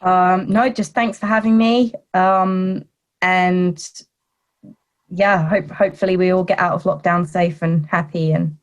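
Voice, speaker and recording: A woman's voice: fairly low pitch, steady tone, unhurried. A woman being interviewed as a podcast guest, speaking in a thoughtful, sincere way. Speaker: podcast guest, self-defence coach. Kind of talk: interview conversation.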